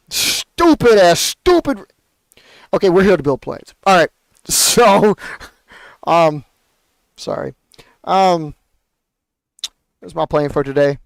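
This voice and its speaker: A man's voice: a little high, clean tone, no echo. A man hosting a paper airplane show, talking in a rambling, profane, exasperated rant. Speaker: podcast host building paper planes. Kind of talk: casual ranting chat.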